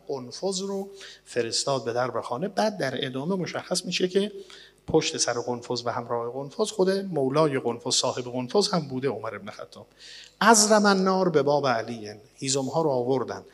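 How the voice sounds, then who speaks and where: A man delivering a sermon, reading and translating old texts with dramatic swings between loud declaiming and hushed low passages. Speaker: preacher. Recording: long reverb, as in a large hall.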